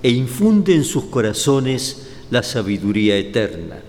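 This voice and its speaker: A priest recites prayers at a slow, unhurried pace, in a measured and solemn manner. His voice rings out with the long reverb of a big cathedral. A faint ambient hum sits behind him. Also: mid-range voice, very animated, a little mellow. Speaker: priest presiding at Mass. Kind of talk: liturgical prayer and blessing. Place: large cathedral, indoors.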